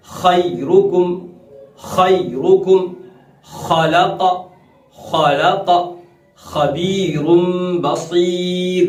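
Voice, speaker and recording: A man's voice: fairly high pitch, recorded from a distance. Man teaching tajweed in a roomy echo. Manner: repeats key points and asks the class questions, then answers them; drawn-out demonstrations of letter sounds. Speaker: Quran recitation teacher. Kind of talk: step-by-step tajweed lesson.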